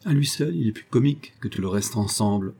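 A man voicing an eager, warm-hearted young English gentleman who speaks up earnestly for a friend. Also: on the low side, expressive, fairly quick, gravelly, husky, exaggerated voice. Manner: earnest, indignant in defence of a friend. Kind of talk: audiobook character voice.

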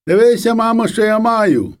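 A man voicing a spoiled little boy in a read-aloud story, in a high whiny child's voice. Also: lively intonation, fairly quick, mellow. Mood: excited. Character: young boy, a spoiled crying little master.

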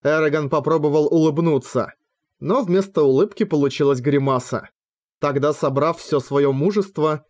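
A man narrating a fantasy novel as an audiobook in a measured storytelling manner, lightly voicing the dialogue. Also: a little high, a little mellow.

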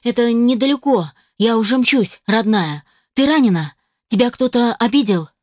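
A woman's voice: a little high, expressive, moderate pace, no echo, clean studio sound, pitched above the performer's own voice, lightly acted. Woman reading an anxious adoptive father. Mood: urgent. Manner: anxious, urgent, reassuring. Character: worried protective adoptive father, middle-aged man.

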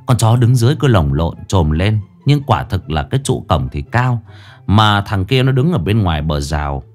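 Lively male storyteller with music behind. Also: on the low side, normal speed. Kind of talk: audio story narration.

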